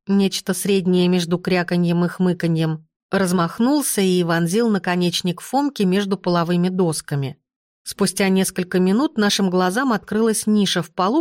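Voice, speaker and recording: A woman narrating an audiobook in the first person, with a measured, even delivery. Her voice sits a little low for a woman. The recording is close and dry, with no room sound. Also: dry recording.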